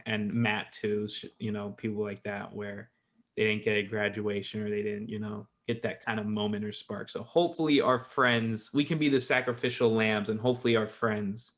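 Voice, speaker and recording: A young man in his twenties with a lowish voice, chatting loosely with a friend on a podcast. He rambles, restarts his sentences and laughs easily. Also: a bit bright. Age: 20s. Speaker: podcast host. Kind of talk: casual chat.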